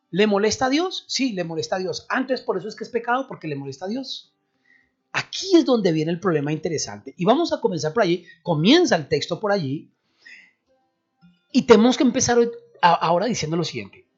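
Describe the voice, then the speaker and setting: A man's voice: high-pitched, breathy edge. A man explaining a Bible passage on a radio program, asking and answering his own questions. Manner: animated, explanatory, asks and answers himself. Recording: dull radio recording with faint music.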